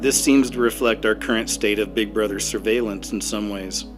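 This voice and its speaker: A man's voice: fairly low pitch, steady tone, normal speed. A man delivering scripted commentary as a narrator. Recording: music under the voice.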